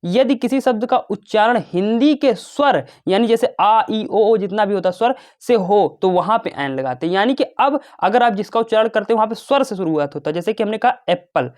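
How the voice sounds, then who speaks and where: Fast-talking chatty tutor, man. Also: high-pitched, expressive, darkish tone. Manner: chatty, calls students "bhai" and "babu", asks and answers his own questions. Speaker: teacher. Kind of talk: casual classroom lesson.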